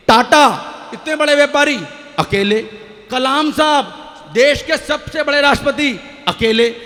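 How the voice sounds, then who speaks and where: A man's voice: very high voice, sharp tone, long reverb tail. A man reciting comic poetry on stage at a live poetry event, telling jokey stories and bantering with the audience through a stage microphone. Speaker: stage poet.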